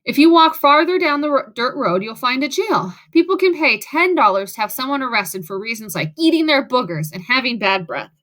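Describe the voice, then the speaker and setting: A woman's voice: a little high, a bit bright. A woman reading a first-person audiobook in a wry, sarcastic way. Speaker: audiobook narrator.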